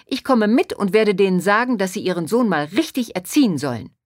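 A woman voicing an agitated middle-aged female pharmacist who shouts excitedly. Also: medium pitch, a little fast, no echo, clean studio sound, voice pushed up, close to an everyday voice.

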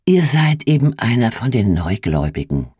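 A reader voicing a frail, gentle older village woman in a storybook reading, soft and earnest. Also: mid-range voice, very animated, moderate pace, husky, no room sound, studio quality. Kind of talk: audiobook reading.

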